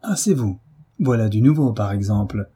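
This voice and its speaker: A man's voice: lowish voice, lively intonation, normal speed, dark tone, breathy edge. A man voicing a rude, domineering middle-aged husband who scolds harshly in an audiobook reading. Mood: angry.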